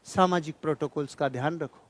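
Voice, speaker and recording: With a voice a little high and a little fast, a man preaches a motivational speech to his audience. He's emphatic and admonishing, leaning on repeated phrases for effect.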